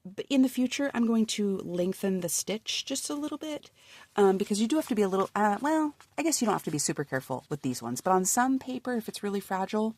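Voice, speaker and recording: Speaking fast in a medium-pitched, darkish voice, a sniffly woman flips through a journal she made herself. She's animated and bubbly in casual chat, often sinking to a murmur, and the recording has no echo.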